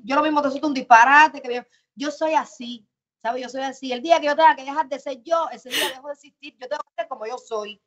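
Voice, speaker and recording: A woman gives an interview in a high, lively voice. She talks loudly and emphatically, almost as if she were arguing, and the sound is a little dull and muffled. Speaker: actress and guest. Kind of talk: animated interview answers.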